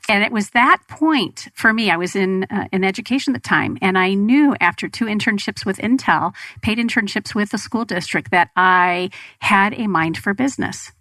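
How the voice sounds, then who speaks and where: A woman's voice: medium pitch, expressive, moderate pace, few pauses, sharp tone, no echo. A middle-aged woman with an American accent, hosting an interview in a chatty, colloquial way. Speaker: interview host. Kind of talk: casual conversational interviewing.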